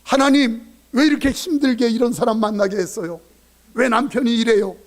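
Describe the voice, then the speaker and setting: A man's voice: very high-pitched, moderate pace. A male preacher voicing a middle-aged woman deacon who cries and pleads in prayer, in a wailing voice. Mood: tearful pleading.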